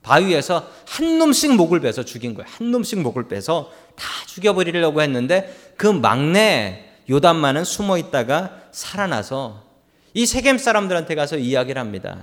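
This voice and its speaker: A male pastor delivers a Sunday sermon, telling a Bible story with a lively, swooping delivery. He speaks in a slightly raised register and often turns to address the congregation. His voice carries in a church with a long, lingering reverb. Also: on the high side, normal speed. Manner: lively storytelling, voicing biblical figures and calling on the congregation. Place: church sanctuary.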